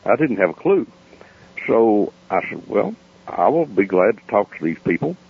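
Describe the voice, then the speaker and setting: A folksy man with an Appalachian accent talks as a guest in a radio interview. His voice is on the low side, with a gravelly edge and a husky grain. He tells things plainly and without hurry, over slightly dull, lo-fi sound. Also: big pitch swings. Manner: folksy, plain-spoken, unhurried. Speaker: interview guest, founder of a foundation. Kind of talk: unscripted storytelling in a radio interview.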